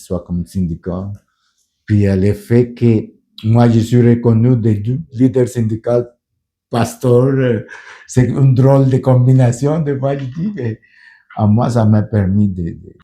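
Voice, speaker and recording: In a documentary interview, a middle-aged man who learned French as a second language earnestly describes his life as a pastor and union leader. He speaks a little slowly in a lowish, warm voice with fairly even intonation, restarting hesitantly and repeating words.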